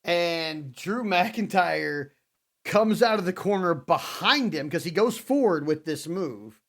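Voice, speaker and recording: On a wrestling podcast, a co-host with a high voice speaks slowly as he recaps the week's shows casually and animatedly, imitating the wrestlers' lines.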